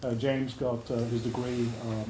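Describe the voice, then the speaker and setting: A man hosting an event gives an informal, off-the-cuff introduction of a speaker, with halting phrasing. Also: mid-range voice, little pitch movement, warm tone. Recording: roomy hall sound with faint noise.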